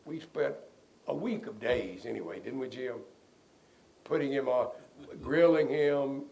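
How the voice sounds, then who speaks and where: Older male lawyer, gravelly voice, folksy anecdotal interview delivery. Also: mid-range voice, unhurried, highs cut off. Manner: rambling, relaxed storyteller who chuckles at his own stories. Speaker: defense lawyer being interviewed.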